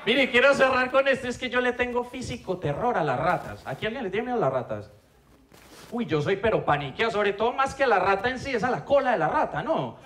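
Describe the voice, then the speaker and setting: A man with a Colombian Paisa accent doing an animated stand-up set, tagging his punchlines with a quick questioning grunt. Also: sits high, noisy background. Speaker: stand-up comedian. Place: comedy stage before a live audience. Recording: live show with a loud audience.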